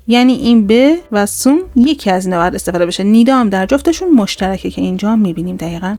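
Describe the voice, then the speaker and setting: A woman's voice: medium pitch, darkish tone, no echo. Woman teaching grammar over slides. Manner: patient explainer, repeats example words slowly. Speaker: Korean language teacher.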